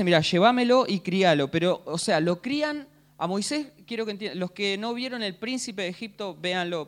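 A man with an Argentine accent preaching a sermon, telling the story in a jokey, animated way and often checking in with his congregation. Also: on the high side. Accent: Argentine Spanish. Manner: animated, jokey, keeps asking the crowd "¿sí?".

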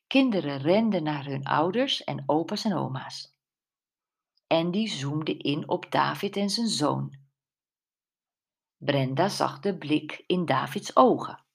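Slow, husky woman narrating an audiobook. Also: low voice.

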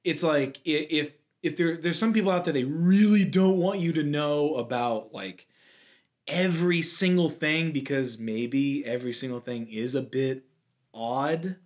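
A man co-hosting a podcast, chatting casually and airing opinions with lively asides. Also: a little high. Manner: animated, opinionated, quick asides. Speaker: podcast co-host. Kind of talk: casual chat.

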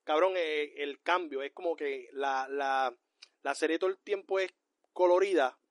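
A man co-hosting a podcast in casual pop-culture chat, ranting loudly with lots of profanity. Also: on the high side, normal speed, dry recording, clean studio sound. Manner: loud, profane, animated ranting. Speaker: podcast co-host.

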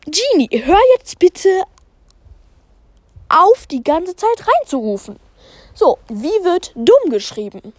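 A bossy female schoolteacher, as a woman narrator puts her on for a homemade audio drama, calling out singsong orders to the class. The voice jumps well above the performer's own and is slow and deliberate. It is heard close and dry. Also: very high voice, big pitch swings, dry recording, pitched above the performer's own voice, heavily acted. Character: strict, cheerful female schoolteacher. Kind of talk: amateur fan audio drama.

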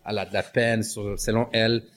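A man's voice: lowish voice, little pitch movement, a little fast, slight background noise. A man with a Quebec French accent telling his story in a casual conversation, slipping English slang into his French. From Canada. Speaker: guest.

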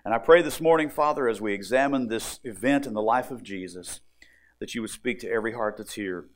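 A man with a lowish voice delivers a sermon that alternates between folksy, conversational anecdotes and scriptural teaching. He leans on dramatic pauses for effect.

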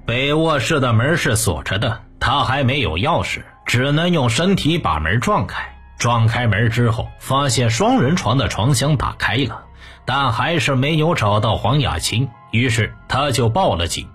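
A man's voice: mid-range voice, expressive, normal speed, fairly bright tone, breathy edge. A man reading scripted true crime narration in a storytelling delivery, as a narrator of criminal cases. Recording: music bed under the voice. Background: background music.

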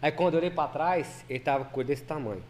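A man's voice: on the high side, rapid-fire, darkish tone, slight background noise. A man who is a lay preacher, a guest on a podcast, telling a personal story in casual, earnest talk full of restarts and repeated words.

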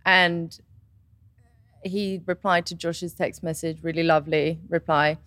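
A woman in her twenties tells a personal story in casual chat, her voice swinging up high and loud when she gets excited. She acts out what others said as she talks. The sound is close and dry. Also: measured pace, dry recording. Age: 20s. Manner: animated storytelling, quoting others.

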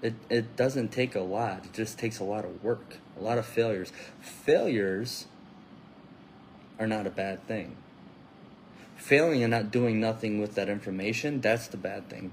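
A man's voice: on the low side, a little mellow, a little hiss or hum, low-quality recording. A man in his thirties co-hosting a casual podcast chat, emphatic and motivational, repeating phrases for stress. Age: 30s. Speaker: podcast co-host.

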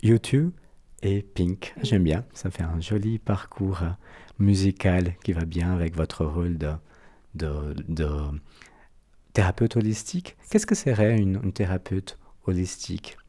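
A man's voice: low voice, a little slow, mellow. A man with a Brazilian accent hosting a podcast interview in French, speaking with flowery, effusive compliments. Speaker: podcast host.

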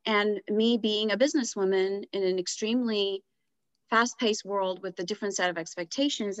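Here a guest author, a middle-aged woman, shares her story on a podcast in a relaxed, thoughtful manner, growing lively as she recreates conversations. Her pitch sits in the middle range. There's no room sound, and the audio comes across dry and somewhat dull.

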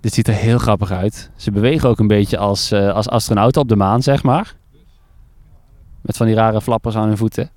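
A man's voice: on the low side, fairly even intonation, moderate pace, a little mellow, no echo. A man reporting from a lakeside jetty in the rain, chatty and curious, often stumbling over his words. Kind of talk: outdoor field report.

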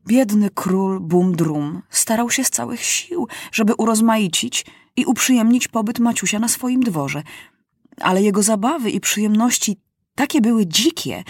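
A woman narrates a children's story in a measured, expressive way. Her mid-pitched voice is slightly husky. It is recorded close and dry, with no room sound. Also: no echo. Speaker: audiobook reader. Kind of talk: scripted narration of a children's book.

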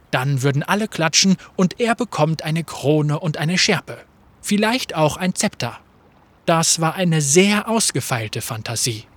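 A man narrating a story in a lively, expressive scripted reading. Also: a little high, husky. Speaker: audiobook narrator.

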